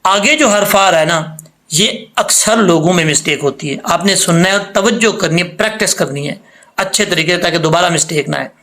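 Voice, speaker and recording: In a tajweed lesson, a man with a high, pushed, bright voice teaches Quran recitation, guiding pronunciation one step at a time. He explains patiently and then draws each example word out slowly so learners can imitate it.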